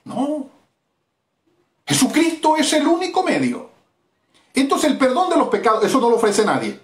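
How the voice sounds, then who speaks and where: Speaking at a normal speed, this middle-aged Venezuelan pastor has a very high voice with huge pitch swings in a reverberant room. He preaches fervently in a live-streamed evangelistic sermon, using emphatic repetition.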